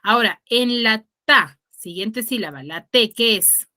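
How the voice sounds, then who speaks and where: A woman's voice: fairly high pitch, expressive, a little slow, sharp tone. A woman teacher giving an online class, explaining patiently and checking on her students with frequent questions. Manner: patient, explanatory, stresses key words.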